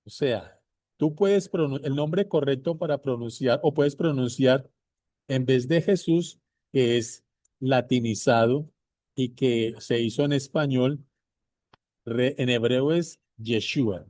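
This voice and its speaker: Slow, deliberate Bible-teaching man. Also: mid-range voice, dark tone, no room sound, clean studio sound. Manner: repeats points slowly, addresses viewers directly.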